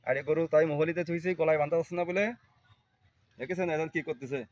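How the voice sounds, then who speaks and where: Man, fast and off-mic, slightly high, captured faintly on lo-fi audio. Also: fairly even intonation, a little mellow, no echo.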